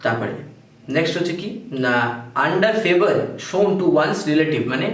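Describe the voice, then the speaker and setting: A man with a Bengali accent teaching a vocabulary lesson. He reads definitions slowly and keeps quizzing his students. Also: sits high, animated, far from the mic. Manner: reads English definitions slowly, then explains briskly and quizzes. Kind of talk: exam-prep vocabulary lesson. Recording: echoey room, voice off-mic, faint hiss.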